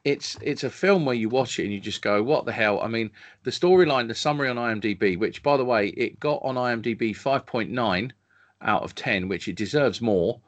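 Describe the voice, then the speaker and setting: On a film review podcast, a co-host with a brisk, mid-range voice chats casually and eagerly. He frequently starts his sentences over, stumbling through them.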